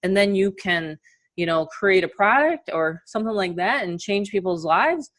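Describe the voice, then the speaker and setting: A middle-aged woman with a New York accent, giving an energetic, chatty motivational webinar as an online marketing coach. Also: medium pitch, normal speed. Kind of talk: casual webinar presentation.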